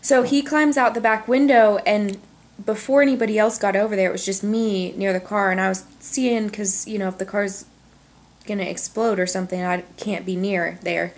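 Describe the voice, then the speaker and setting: A young adult woman vlogger telling a story in a casual, animated way, full of "like"s, recorded at home on a camcorder. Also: mid-range voice, normal speed. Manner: animated, chatty, many "like"s. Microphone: camcorder on tripod.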